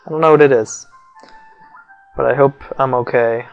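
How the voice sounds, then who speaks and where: With vocal fry in a smooth, mid-range voice, a young let's play commentator talks at a moderate pace and fairly even intonation over a video game. The audio is dull, with faint game music in the background. He's casual, wry and self-mocking, muttering asides, and his voice feels slightly off, maybe from an oncoming illness.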